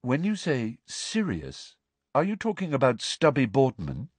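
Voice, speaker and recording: A man voicing a serene, dreamy, oddball teenage girl in an audiobook, unhurried and detached. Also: medium pitch, huge pitch swings, breathy edge, no echo, voice pushed up, heavily acted. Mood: mildly curious. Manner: unhurried, detached, mildly curious. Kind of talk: audiobook character voice.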